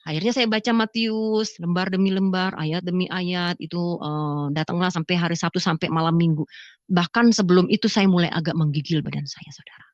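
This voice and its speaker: A woman giving a spoken religious testimony, acting out conversations with lively vocal shifts. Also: fairly low pitch, no echo, highs cut off. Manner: animated storyteller who acts out dialogue in a raised voice. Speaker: testimony speaker.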